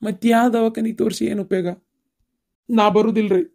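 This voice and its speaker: A woman's voice: on the high side, level tone, a little fast, gravelly, warm tone. A woman voicing a worried elder village mother in a cartoon, speaking with a North Karnataka Kannada accent in a fretful, lamenting way. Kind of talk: cartoon dubbing.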